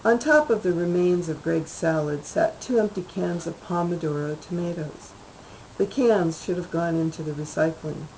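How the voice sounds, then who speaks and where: A woman, the author, reading her own literary short story aloud in a measured, even way. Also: lowish voice, vocal fry, a little hiss or hum, low-quality recording.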